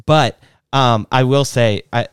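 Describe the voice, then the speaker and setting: A man co-hosting a podcast, pitching an idea in casual chat with lots of fillers and restarts. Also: slow, smooth, no echo, clean studio sound. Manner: rambling, many fillers and restarts. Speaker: podcast co-host.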